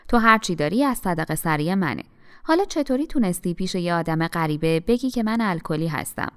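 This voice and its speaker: A woman's voice: lowish voice, animated, clean tone, natural voice. A woman reading aloud the lines of an angry, domineering middle-aged father in an audiobook. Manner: shouting, scornful.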